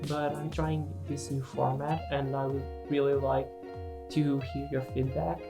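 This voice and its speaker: A woman's voice: very deep voice, little pitch movement, a little slow, over music. A woman who speaks English as a second language, giving a casual, unscripted voice-over for a gaming video in a hesitant, self-deprecating way. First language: not English.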